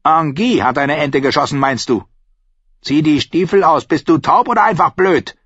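Male narrator doing a towering, shrill innkeeper woman for an audiobook; bossy and scolding, husky edge. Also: normal speed, fairly bright tone, no echo, lo-fi sound.

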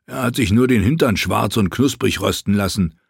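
A man voicing a big, crude male warrior in an audiobook, gruff and offhand. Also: on the low side, normal speed, no room sound, clean studio sound. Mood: gruff, mocking. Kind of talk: audiobook character voice.

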